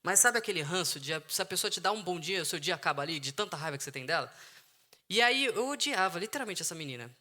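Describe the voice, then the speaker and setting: A man's voice: sits high, animated, fast talker, pushed and bright. A man with a Brazilian Portuguese accent, a psychologist giving an earnest talk that repeats key phrases for emphasis, speaking outdoors. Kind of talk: emotional intelligence talk to an online audience. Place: outdoors in the sun.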